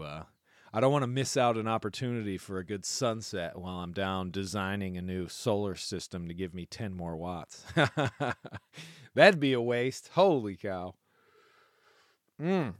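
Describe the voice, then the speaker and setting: A man's voice: on the low side, no room sound, studio quality. A man with a phlegmy, chesty voice talking casually and reflectively in a vlog, rambling along with amused asides to himself. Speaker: solo sailor, vlogger.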